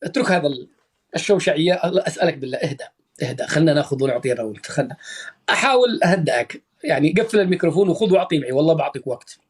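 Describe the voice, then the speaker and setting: Guy hosting a live stream, talks super fast and lectures hard, kinda high voice. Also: husky. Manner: calming then lecturing, emphatic.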